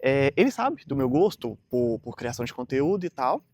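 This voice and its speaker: A man's voice: mid-range voice, very animated, normal speed, a little mellow, no room sound. A man, talking casually and earnestly to camera in a rambling motivational vlog full of fillers. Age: 30s. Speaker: vlogger.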